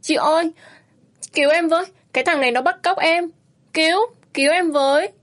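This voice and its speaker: A woman voicing a fiery, stubborn young woman who speaks in high, shrill outbursts and pleads loudly. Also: normal speed, close to an everyday voice. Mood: pleading.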